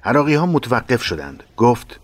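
A man narrating a war memoir in a measured, dramatic reading. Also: medium pitch, very animated.

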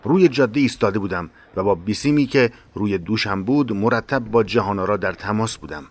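A man narrating a war memoir in a measured, dramatic reading. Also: lowish voice.

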